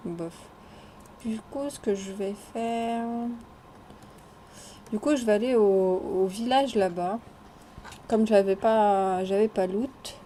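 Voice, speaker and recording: A woman narrates her gameplay in a relaxed, chatty vlog style, often joking with the game's characters. She takes her time, speaking slowly and without hurry. A faint noise sits behind her voice. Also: mid-range voice. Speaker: gaming vlogger. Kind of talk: casual gameplay commentary.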